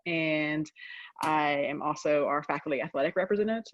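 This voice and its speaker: A woman's voice: deep voice, brisk, muffled recording, slight background noise. A woman from North Carolina, a professor, moderating a video call with a hesitant manner and many ums. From North Carolina, United States.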